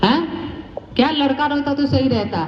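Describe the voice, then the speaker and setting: A woman's voice: high-pitched, moderate pace, noisy background. A woman teacher coaching children in a role-play workshop, coaxing and encouraging, often repeating herself. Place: indoor school hall with children. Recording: roomy hall from far off, dull.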